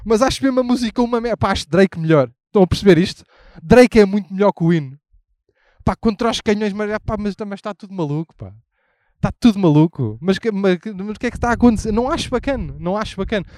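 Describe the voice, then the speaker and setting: A man's voice: high voice, quick pace, a little mellow, no room sound, clean studio sound. A young man with a European Portuguese accent hosting a podcast, rambling casually and irreverently while walking down a street with a handheld mic, swearing freely and trailing off into asides. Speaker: podcast host. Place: outdoors on a city street.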